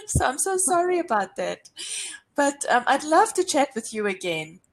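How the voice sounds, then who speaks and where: A woman's voice: sits high, very animated, measured pace. A woman tutoring English over a call, speaking politely and apologetically. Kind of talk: casual call wrap-up.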